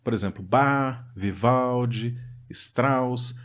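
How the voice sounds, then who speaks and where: A man's voice: mid-range voice, drawn-out words, fairly bright tone. A Brazilian man co-hosting a storytelling podcast, talking animatedly and turning to address the listeners directly. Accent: Brazilian Portuguese. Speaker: podcast co-host.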